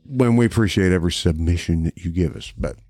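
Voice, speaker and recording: A man co-hosting a podcast in casual chat, wry and animated, swearing freely. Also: sits low, fast, no room sound, clean studio sound. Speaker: podcast co-host.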